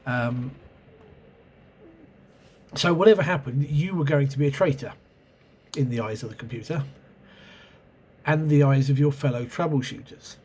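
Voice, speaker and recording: This slightly rough, darkish medium-pitched voice belongs to a man with a cold and sore throat who hosts a channel reviewing role-playing games. He moves at a moderate pace but pauses often, rambling hesitantly with many ums and self-corrections as he remembers an old game. The casual video review was recorded at home on a camera mic.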